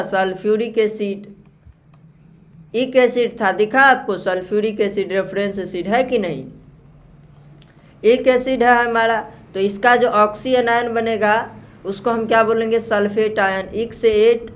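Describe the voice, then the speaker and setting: Male chemistry teacher, slow and repetitive. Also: sits high. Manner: repeats key terms slowly, checks understanding with questions. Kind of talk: classroom lecture on naming salts.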